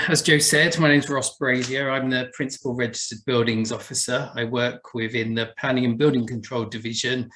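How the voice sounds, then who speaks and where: A man with an Essex accent presents in a webinar, his voice at a middle pitch. He explains steadily and patiently, sometimes restarting a phrase as he goes. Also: a bit bright. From England. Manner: measured, explanatory, with small restarts. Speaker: buildings officer giving a talk.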